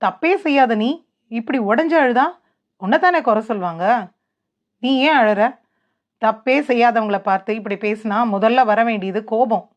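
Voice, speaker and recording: A woman's voice: a little high, lightly acted. A woman reading as a firm, caring young husband. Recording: dull lo-fi.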